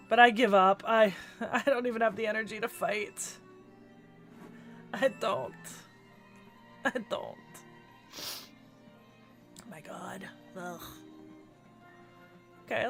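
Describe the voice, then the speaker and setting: A woman with a medium-pitched, fairly bright voice streams a video game, stuffy and congested from a cold. Chatting casually, she rambles, restarts a lot and swears now and then.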